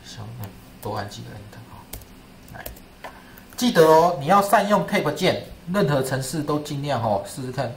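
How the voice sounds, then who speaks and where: A man's voice: fairly high pitch, expressive, moderate pace, a little hiss or hum. Male lecturer, chatty and repetitive, roomy classroom sound. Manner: chatty, repeats himself, asks "right?". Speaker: statistics lecturer. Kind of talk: classroom screen-share lesson.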